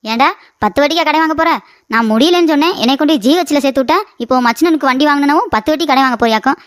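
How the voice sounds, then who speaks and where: A shrill, quick-fire mother-in-law, played by a woman for a cartoon storybook, nagging and complaining about her aching knees. Her high voice races along, close and dry with no room sound. She scolds everyone around her without pause. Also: dry recording, natural voice. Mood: indignant. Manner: rapid scolding, complains of knee pain. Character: scolding sharp-tongued older mother-in-law. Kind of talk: animated storybook voice acting.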